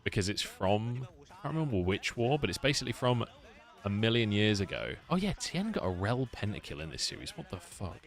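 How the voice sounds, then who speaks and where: A man's voice: on the low side, very animated, a little fast. A British man, an esports caster, chatting casually on a stream, swearing freely and answering viewers' questions. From United Kingdom.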